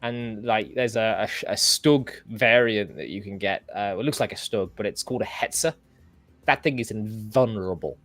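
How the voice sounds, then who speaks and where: A man's voice: fairly low pitch, moderate pace, a bit bright, faint music behind. An English man hosting a casual livestream chat, rambling and self-deprecating with many restarts. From England. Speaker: host.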